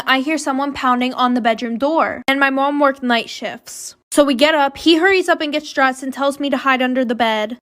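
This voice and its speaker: A woman's voice: sits high, fairly bright tone. A woman retelling a personal story in a casual, chatty way, peppered with filler words. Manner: chatty, full of filler words like 'anyways' and 'like'. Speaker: storytime narrator.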